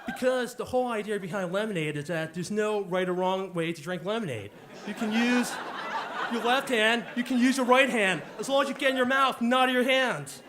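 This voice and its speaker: A young man telling a story on stage, animated and acting out the dialogue with loud bursts. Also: high-pitched, moderate pace, noisy background. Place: club stage with audience.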